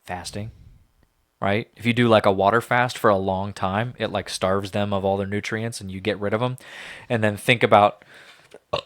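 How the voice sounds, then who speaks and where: Young podcast guy, low voice, dry close sound, riffs on wild theories. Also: steady tone, normal speed, no room sound. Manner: speculative, joking, thinks out loud with many "like"s. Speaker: podcast co-host. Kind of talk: casual chat.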